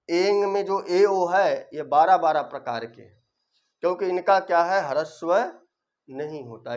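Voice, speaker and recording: A man teaching an online grammar lesson, reciting rules syllable by syllable and then explaining them with rhetorical questions. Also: high voice.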